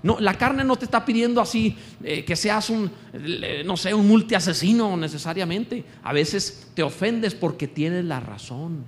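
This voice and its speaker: A man preaching a sermon as pastor in a church. He asks the congregation rhetorical questions and swings between loud exclamations and slow, low emphasis. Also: animated, slight background noise.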